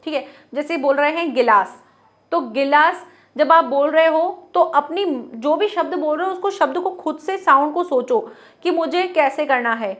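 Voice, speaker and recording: A young woman teacher explaining a Hindi grammar lesson, asking questions and answering them herself, repeating words slowly to model how they sound. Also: sits high, a bit bright.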